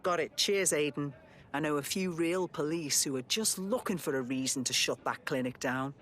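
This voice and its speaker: A woman's voice: sits low, moderate pace, natural voice. A woman playing a wry, teasing, worldly informant in a video game, with an unflappable manner.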